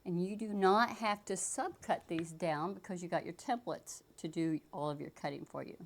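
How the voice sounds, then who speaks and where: A sewing instructor with a lowish, gravelly voice gives a casual how-to demonstration at a moderate pace. She chats through each step as she works with fabric, often restarting her sentences.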